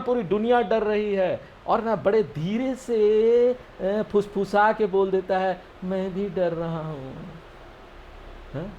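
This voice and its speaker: A man giving a scripture lesson. He explains each verse slowly and often checks with his listeners. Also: high-pitched, lo-fi sound, slight background noise. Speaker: spiritual teacher.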